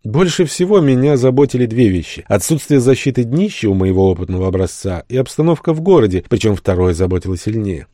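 A man reading a first-person story aloud expressively, with sudden jumps in pitch on emphasis. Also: very animated, quick pace, hardly any pauses, dark tone, no echo, studio quality. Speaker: audiobook narrator. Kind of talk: first-person audiobook narration.

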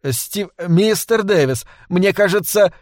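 A man voicing a soft, purring, ingratiating male lawyer in an audiobook, with an unctuous mock-caring manner. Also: sits high, animated, slow, dry recording, clean studio sound, pitched above the performer's own voice. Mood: oily, soft. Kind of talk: audiobook character voice.

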